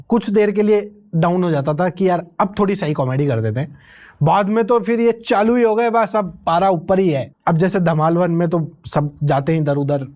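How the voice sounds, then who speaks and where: High-voiced sarcastic young man ranting. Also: darkish tone. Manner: sarcastic, incredulous, rambling. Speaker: movie reviewer. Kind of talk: comedic movie review rant.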